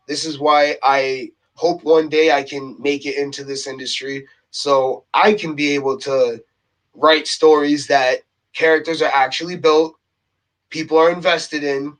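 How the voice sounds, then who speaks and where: A man on the high side, with a fairly bright tone, vlogs a casual rant to camera on a rough recording. His frustration runs hot, he's a little short of breath, and he keeps repeating points capped with "okay?".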